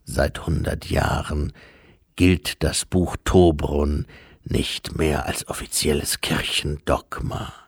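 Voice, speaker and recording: A grave personification of death performed by a male narrator for a fantasy audiobook. The voice is low and very unhurried, solemn and measured throughout. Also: steady tone, vocal fry, breathy edge, no room sound, studio quality, exaggerated voice. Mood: grave, explaining.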